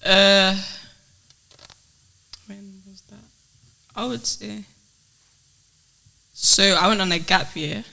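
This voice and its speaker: A young woman chatting as a podcast guest, her voice bright and sharp with a gravelly fry underneath. She tells her story loosely, full of slang and easy fillers. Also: mid-range voice, very slow, long pauses. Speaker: podcast guest, food business owner. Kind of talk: casual podcast chat.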